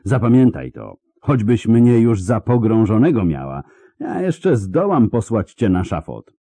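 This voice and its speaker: A man's voice: sits low, big pitch swings, slow pace, warm tone, no room sound, pitched above the performer's own voice, heavily acted. A man voicing a menacing imperial coroner in an audiobook reading, drawling, venomous and threatening.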